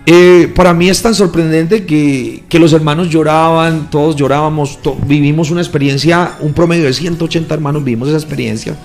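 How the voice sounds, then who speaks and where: Pastor guy telling his testimony, earnest, does the voices, kinda high voice, faint music behind. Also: steady tone, a little fast, hardly any pauses, darkish tone. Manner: earnest storytelling, quoting voices with feeling. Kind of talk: testimony told in an interview.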